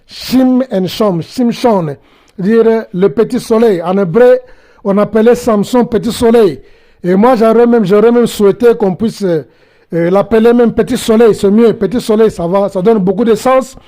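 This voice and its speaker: A male Bible teacher delivering a sermon with a high, mellow voice. He pauses often and repeats key phrases as he explains them. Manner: hesitant, many pauses and repetitions.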